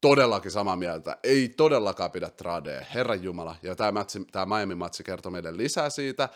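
A man hosting a casual podcast, excitable, swinging between loud outbursts and quiet asides, dropping English slang into his talk. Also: low voice. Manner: mixes English slang into speech. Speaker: podcast host. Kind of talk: casual basketball chat.

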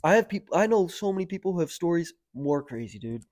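Young American man, podcast guest, casual storyteller; dry close mic, gets animated and loud at the peaks. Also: fast talker, no echo. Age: young adult. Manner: animated, rising to near-shouting at high points, lots of "like" and "dude".

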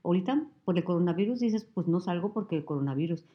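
A Mexican woman appears as a guest in a casual interview, telling animated stories and acting out what people said to her. Her voice is fairly low and quick, and the recording has its highs cut off.

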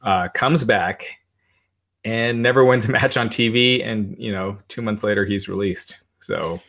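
A man's voice: lowish voice, unhurried, fairly bright tone. A man in his forties co-hosting a podcast, talking casually with frequent hesitations. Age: 40s. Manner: hesitant, many ums and uhs. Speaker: podcast co-host. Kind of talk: casual wrestling talk chat.

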